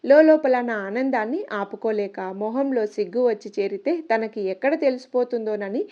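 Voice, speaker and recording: A woman's voice: on the high side, normal speed, mellow. Young woman narrating a story, muffled audio. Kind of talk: first-person story narration. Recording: muffled lo-fi recording.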